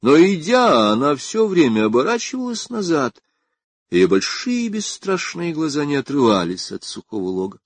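A man with a gravelly, husky voice narrating a story in an expressive, unhurried way. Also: on the high side, no echo.

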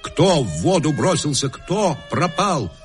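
A man voicing an alarmed gentleman who asks anxious questions. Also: lowish voice, lively intonation, normal speed, soft background music, close to an everyday voice. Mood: agitated. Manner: agitated questioning.

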